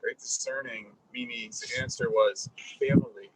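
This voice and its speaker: A man giving a reflective, halting eulogy at a graveside service. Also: medium pitch, huge pitch swings, distant mic, slight background noise, rough recording. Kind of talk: eulogy speech. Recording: husky voice picked up from afar.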